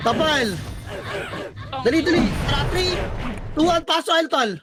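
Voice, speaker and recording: High-voiced man barking game calls. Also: over a noisy crowd. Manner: barking rapid commands, counting down, swearing. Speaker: squad leader calling shots. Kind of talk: live team voice chat during a shooter match.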